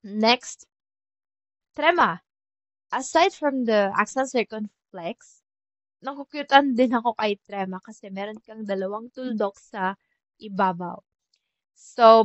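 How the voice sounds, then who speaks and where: A Filipino woman teaches beginners in an unhurried, chatty way, slowing down to repeat each example word. Her voice sits in an ordinary middle range and sounds dry and close, with a slightly dull, muffled recording. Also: mid-range voice, no echo. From Philippines. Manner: chatty, mixes Tagalog and English, repeats example words slowly. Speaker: French teacher. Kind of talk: casual language lesson.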